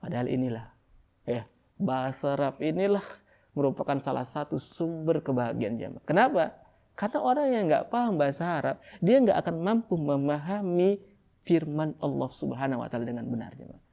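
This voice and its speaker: A middle-aged male preacher with a gravelly edge to his voice. He preaches with a lively, animated delivery to the congregation. Now and then he breaks into high, excited voices to act out the people he describes. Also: a little fast. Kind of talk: sermon.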